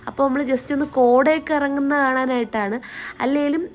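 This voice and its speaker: A woman's voice: sits high, fairly even intonation, fast talker. A woman narrating a casual vlog, chatting in mixed with English words. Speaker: family vlogger. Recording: background music under the voice. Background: music.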